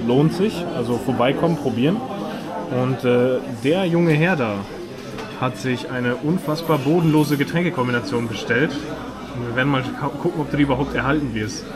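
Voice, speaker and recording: A young man filming a casual vlog, joking around in loose slang with a friend. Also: medium pitch. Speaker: vlogger, Harley employee. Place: dim diner, later outdoors at night. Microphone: action camera on table, then helmet. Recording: music in the background.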